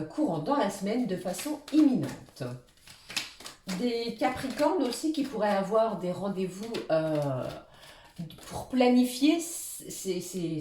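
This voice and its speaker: A woman giving a weekly astrology card reading, hesitant with many fillers, talking warmly to her viewers as friends. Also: mid-range voice, roomy sound, recorded from a distance, a little hiss or hum. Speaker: tarot reader.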